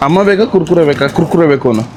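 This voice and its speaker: A man's voice: on the high side, lively intonation, very fast. Young man coaxing a child, crowd behind. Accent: Kannada. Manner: teasing, coaxing a crying child. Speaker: vlogger. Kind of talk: casual vlog chat. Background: crowd chatter.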